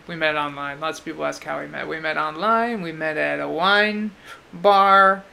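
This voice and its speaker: A man's voice: on the high side, steady tone, normal speed, vocal fry, sharp tone, a little hiss or hum. An American man co-hosting a podcast in a casual, dryly joking way. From California, United States. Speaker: podcast co-host.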